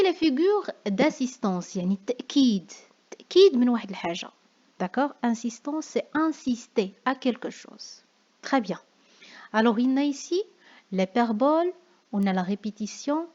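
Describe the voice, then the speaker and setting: A woman's voice: fairly high pitch, mellow. Moroccan woman teacher, lo-fi sound. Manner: switches into Moroccan Arabic to explain, asks "d'accord?" often. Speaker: French teacher. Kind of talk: classroom lesson on figures of speech. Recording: dull lo-fi sound.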